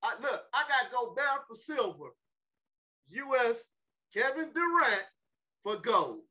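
Casting note: man, high bright voice, stubborn and slangy sports panelist. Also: big pitch swings, slow pace. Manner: insistent, repeats his point, slangy. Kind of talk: casual sports debate.

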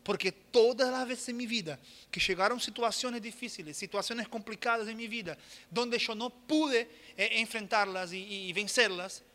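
A man preaching a sermon as pastor, joking asides and forceful exhortation. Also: high voice, long reverb tail.

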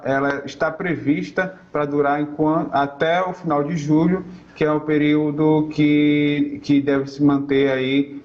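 Slightly dull-sounding, higher-voiced man explaining. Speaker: research institute supervisor being interviewed. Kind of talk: explanatory interview answer. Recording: slightly dull recorded interview.

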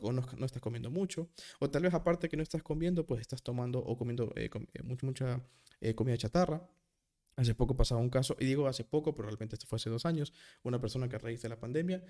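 A man's voice: medium pitch, dark tone. A man hosting a casual solo psychology podcast, talking through examples, often stopping to rephrase himself. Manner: rambling, self-correcting, with examples; self-described nervous.

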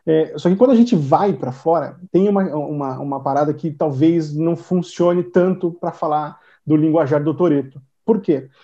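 A man's voice: a little high, moderate pace, few pauses, warm tone. A man teaching in a casual conversation, giving tips in an instructive manner. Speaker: English teacher guest. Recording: dull muffled sound.

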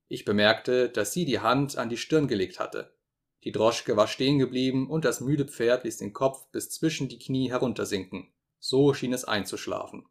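A man reads an audiobook aloud with a steady, measured delivery. His voice sits at an ordinary pitch, and he lets dramatic passages unfold slowly and deliberately. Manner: measured, slow, dramatic reading. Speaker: audiobook reader. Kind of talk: audiobook narration.

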